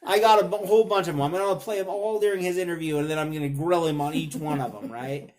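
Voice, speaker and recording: Animated, foul-mouthed storytelling man. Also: fairly high pitch, quick pace. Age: adult father. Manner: animated, profane, laughs mid-sentence and acts out others' lines. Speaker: podcast host. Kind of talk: casual comedic storytelling.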